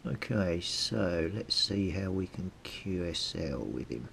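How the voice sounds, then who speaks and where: In a slow, creaky voice, a British man mutters informally to himself while working, offering relaxed how-to commentary for his hobbyist video as he thinks out loud. The recording has constant background noise with a low rumble.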